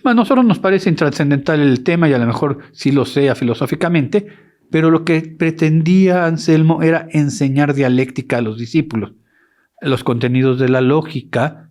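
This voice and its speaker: A man's voice: medium pitch, darkish tone. A man giving an educational lecture who speaks with animation and often stops to correct himself.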